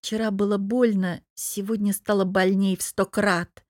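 A woman reading a first-person audiobook in an even, measured storytelling voice. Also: medium pitch, no echo, clean studio sound. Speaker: audiobook narrator.

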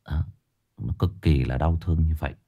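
A man telling a tragic true story to his listeners in a casual spoken style, with sudden high emphatic bursts and low somber drops. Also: moderate pace, breathy edge, highs cut off. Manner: addresses listeners directly, casual with restarts.

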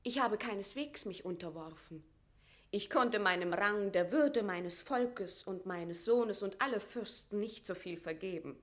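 A woman's voice: mid-range voice, unhurried, lightly acted. An actress playing a proud, defiant captive queen in a classical radio drama, declaiming formal verse in a stately, indignant manner. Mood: dignified, firm. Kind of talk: classical German stage drama radio acting.

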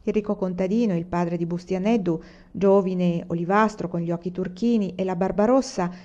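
A woman reading a classic novel aloud in a measured, even storytelling manner. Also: fairly low pitch, highs cut off. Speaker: audiobook reader. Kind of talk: literary audiobook narration.

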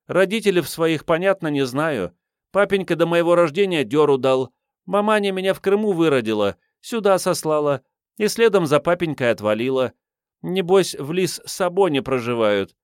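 A man's voice: on the high side, smooth, no room sound, clean studio sound, voice pushed up, natural voice. A man voicing a cheeky, scruffy homeless teenage girl who talks brashly in street slang, in an audiobook. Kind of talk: audiobook reading.

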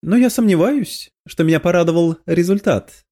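A man's voice: high voice, normal speed, dark tone, pitched above the performer's own voice. A man reading aloud, voicing a young demon woman who sounds nervous and dryly ironic. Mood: wry.

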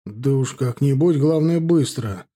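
A man's voice: medium pitch, animated, measured pace, dark tone. A man playing a blunt, impatient older general who talks brusquely. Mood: gruff. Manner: brusque, exasperated.

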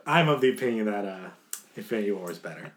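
A man's voice: fairly low pitch, animated, quick pace, fairly bright tone, a little hiss or hum. A young man hosting a casual podcast, insistent and argumentative as he debates with friends. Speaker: podcast host.

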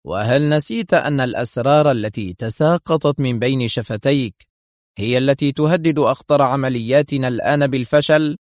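A man's voice: medium pitch, a little fast, dry recording, lightly acted. Angry spy boss, harsh and severe, a man reading it, dry voice. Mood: stern, angry. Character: stern, angry male spy agency director.

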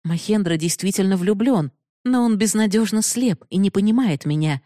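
A woman's voice: medium pitch, moderate pace, dark tone, no room sound, clean studio sound, voice pushed up, natural voice. A woman voicing a proud, passionate young woman who pleads bitterly for love, raised and emotional. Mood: pleading, bitter.

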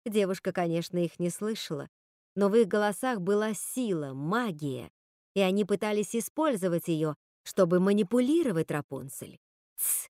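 A woman narrating a fairy-tale audiobook in a lively, expressive way, recorded on a close studio mic. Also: medium pitch, normal speed, no room sound. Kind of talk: audiobook storytelling.

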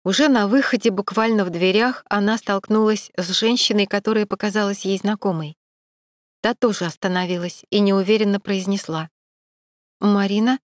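A woman's voice: medium pitch, no echo. Woman narrating an audiobook, dry sound. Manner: even, measured storytelling. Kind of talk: scripted narration.

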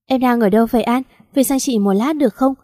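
A woman's voice: on the high side, fast talker, warm tone, natural voice. A woman voicing a concerned, protective older sister in a read-aloud story.

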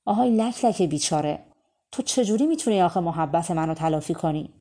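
A woman voicing a kind young prince in a storybook, speaking gently and thoughtfully. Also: fairly low pitch, animated.

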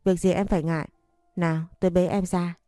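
A woman's voice: lowish voice, flat delivery, a little fast, warm tone, no room sound, clean studio sound, soft background music, close to an everyday voice. A woman reading as a teasing rich young husband. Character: confident wealthy young husband, teasing and doting.

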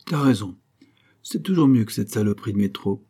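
A chatty, nosy office colleague, jovial and teasing, as a male narrator voices him. His voice is low, dark and husky in this audiobook reading. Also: animated, a little fast.

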